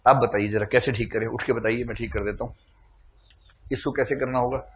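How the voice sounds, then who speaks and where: A man's voice: medium pitch, steady tone, fairly quick, a little hiss or hum. Playful male teacher quizzing a class. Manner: quizzes the class, asks for shows of hands; teasing, playful with students. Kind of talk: classroom lecture.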